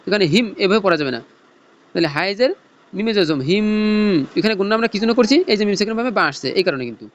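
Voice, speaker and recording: A man teaching Noorani Quran reading in a lesson, spelling out letters and tajweed rules in a slow teaching chant. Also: sits high, fairly bright tone, highs cut off. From Bangladesh.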